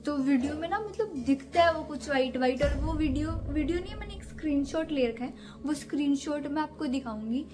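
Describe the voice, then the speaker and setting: A woman's voice: high voice, a little mellow, a little hiss or hum. A young woman vlogger chatting casually to camera, rambling through a scary story from her own nights.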